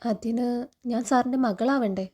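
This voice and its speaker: A woman reading the lines of a timid young woman from an orphanage, in a soft, hesitant way. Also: fairly high pitch, measured pace, slightly rough.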